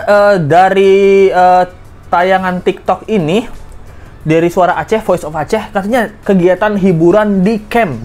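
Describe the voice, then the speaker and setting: A man's voice: high-pitched, a little mellow. A man giving joking reaction commentary on clips, laughing often. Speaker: commentary vlogger.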